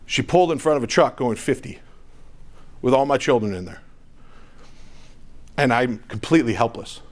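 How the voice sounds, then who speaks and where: A man giving an energetic motivational talk to a live audience, telling a personal story with quick asides to the crowd. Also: medium pitch. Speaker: motivational speaker.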